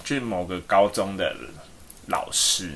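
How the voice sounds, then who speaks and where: With a low, unhurried voice, a male podcast co-host rambles through a casual story, animated and packed with fillers. A little hiss or hum sits in the recording.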